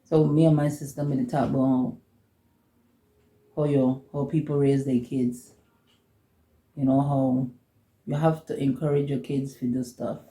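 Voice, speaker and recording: A woman in her forties speaks with a Belizean Kriol accent in a relaxed, creaky voice. She chats casually and haltingly, repeating phrases as she goes. The room around her is echoey. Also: very deep voice. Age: 40s. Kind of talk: casual sisterly chat.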